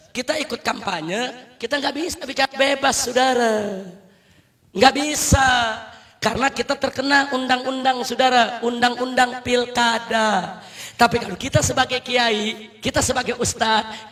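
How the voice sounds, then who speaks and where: Preacher guy, really high pitched, fired up rally sermon, keeps yelling to the crowd. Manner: shouts rousing calls to the crowd, repeats "brothers" often. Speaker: Islamic preacher.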